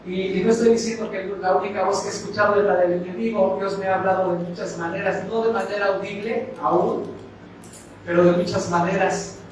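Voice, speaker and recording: A middle-aged Mexican pastor with a high voice preaches to his congregation, calling each listener brother and asking questions he then answers himself. He sounds far from the mic, in a strongly echoing church hall. There is clear noise behind him. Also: fairly even intonation, brisk. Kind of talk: sermon. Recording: echoey church hall heard from a distance with background noise.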